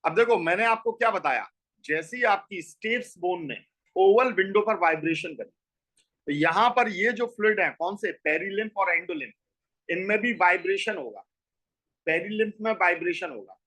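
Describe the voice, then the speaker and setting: A man teaches a school biology class, explaining things step by step and posing questions he then answers himself. His voice sits high and is expressive, bright and forceful at normal speed, on a rough recording.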